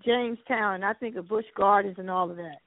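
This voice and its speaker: A woman's voice: medium pitch, a little fast, dry recording. A woman asking questions as a casual interviewer. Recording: narrow, tinny phone-like audio.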